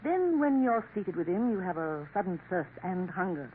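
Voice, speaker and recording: Over a tinny, faintly hissing 1950s radio broadcast, a woman with a lowish voice plays a scheming Parisian café woman at a moderate pace. She is very animated, sly and knowing, coaxing her listener with French endearments.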